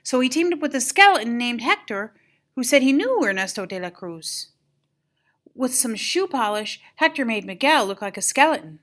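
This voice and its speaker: A woman's voice: on the high side, moderate pace. An older woman with a grandmotherly voice reads a children's story aloud, expressively and with dramatic emphasis. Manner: animated, dramatic emphasis on exclamations and key moments.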